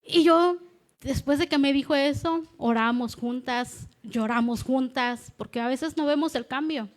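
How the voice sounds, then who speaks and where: Lady telling her church testimony, high voice, lively, laughs a lot. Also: a little slow. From Mexico. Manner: animated storytelling, laughs often. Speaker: church member giving testimony. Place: church meeting hall.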